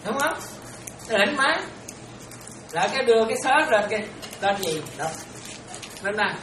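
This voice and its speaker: A nun gives a relaxed dharma talk, chatting with her disciples and keeping them engaged. Her mid-pitched voice sounds distant, as if the mic sits across an echoing room. A steady background noise runs beneath her words. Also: normal speed. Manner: chatty, keeps checking listeners follow. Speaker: Buddhist nun teaching disciples. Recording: roomy, distant, noisy room recording.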